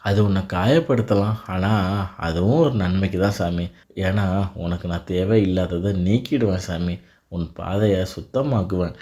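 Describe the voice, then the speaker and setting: A man delivering a devotional blessing in a calm, reassuring voice, speaking directly to the listener. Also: low voice, normal speed. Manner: calm, reassuring second-person address. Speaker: devotional narrator.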